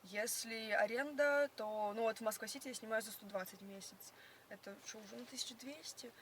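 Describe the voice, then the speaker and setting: A woman's voice: a little high, brisk, slight background noise. A young woman telling stories in casual, slangy chat full of filler words, recorded inside a car. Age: young adult. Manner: slangy, filler-heavy storytelling. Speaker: passenger being interviewed.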